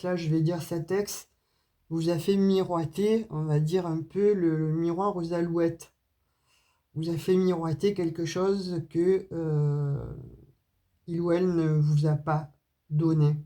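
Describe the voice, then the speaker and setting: Mellow-voiced woman with a southern French accent. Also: low-pitched. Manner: chatty, many hesitations and asides to viewers. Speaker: astrology and tarot reader. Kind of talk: casual spoken card reading to camera.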